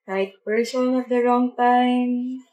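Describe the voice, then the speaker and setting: A woman's voice: on the high side, steady tone, slow pace, warm tone. Wistful woman in an echoey room. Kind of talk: skit role-play.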